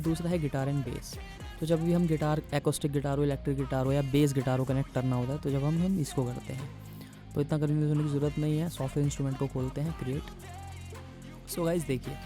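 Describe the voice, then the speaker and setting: A man talks through music software for beginners in a relaxed tutorial manner. His delivery stays flat, with little rise and fall in pitch. Faint music plays quietly behind his voice. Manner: casual explanatory, addresses viewers as guys, mixes English terms into Hindi. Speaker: music production instructor. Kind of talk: screen-recorded software tutorial. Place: home music studio.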